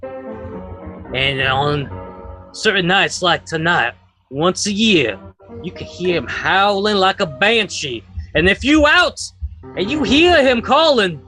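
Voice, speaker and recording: Man playing a high-voiced, slow folksy Western storekeeper. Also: lively intonation, bright, forceful tone, full character voice. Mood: eerie, ominous. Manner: halting, folksy, theatrical storytelling. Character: old-West general store keeper spinning a spooky legend. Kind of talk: improvised Western campfire storytelling. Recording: music behind the voice.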